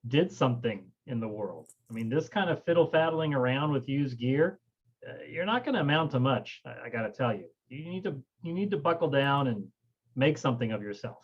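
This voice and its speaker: A man's voice: medium pitch, animated, brisk, slightly rough, dull audio. A man on a casual roundtable panel, wry and teasing in his remarks. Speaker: panel guest.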